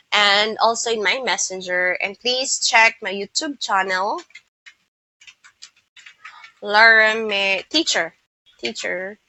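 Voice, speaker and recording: A woman English teacher giving an online pronunciation lesson, explaining slowly and carefully with some restarts. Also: mid-range voice, pushed and bright, lo-fi sound, slight background noise.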